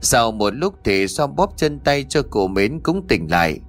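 A man narrating a ghost story in a measured, dramatic way. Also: mid-range voice, sing-song. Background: faint music.

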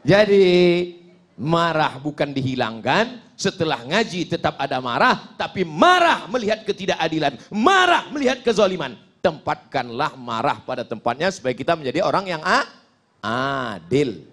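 Man, preacher, Indonesian accent, high voice, animated sermon, shifts between shouting and soft asides. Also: moderate pace. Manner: animated, swings from loud rebuke to quiet, jokes with audience. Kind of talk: lively Islamic sermon.

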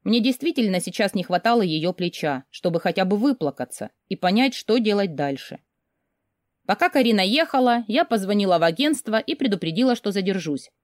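A woman narrates a first-person novel with emotional, expressive delivery. Her pitch moves widely through the lines. The recording is dry and close, with no room around it. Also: brisk, no echo. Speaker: audiobook narrator.

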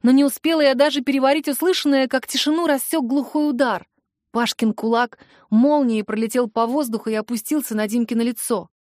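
A woman reading a first-person young-adult novel aloud, expressive and lively. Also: high-pitched, a little fast, dry recording. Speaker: audiobook reader. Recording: dry close studio sound.

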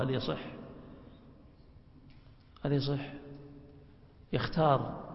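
A religious scholar with a medium-pitched, gravelly voice lectures a class, explaining points step by step and often checking in with rhetorical questions. It was recorded in an echoey hall with dull, lo-fi sound.

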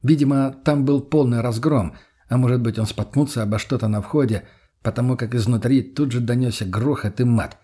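A man with a husky, mid-pitched voice reads a first-person audiobook. He tells the story at a steady, even pace. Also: fairly quick. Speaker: narrator. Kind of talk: audiobook narration.

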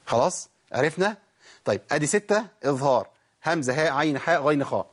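Egyptian sheikh teaching tajweed, talks fast, keeps asking and answering himself, stretches out the nasal sounds. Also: male voice, a little high, expressive. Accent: Egyptian Arabic. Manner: explains by asking and answering his own questions, drawing out nasal sounds. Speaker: Quran recitation teacher. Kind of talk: tajweed lesson.

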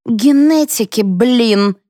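A woman reading an audiobook, voicing a quick-tempered, indignant mother in a high, sharp voice. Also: expressive, dry recording, clean studio sound. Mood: furious.

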